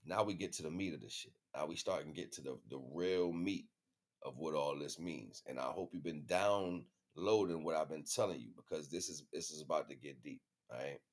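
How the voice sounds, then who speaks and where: An American man with a rumbling low voice livestreams an informal spiritual monologue at normal speed. He talks to viewers in emphatic, repetitive street slang.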